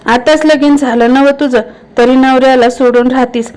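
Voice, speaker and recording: A woman's voice: sits high, fairly even intonation, normal speed, darkish tone, lightly acted. Brief: a brash young village wastrel in a storybook, read by a woman, rustic speech. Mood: leering.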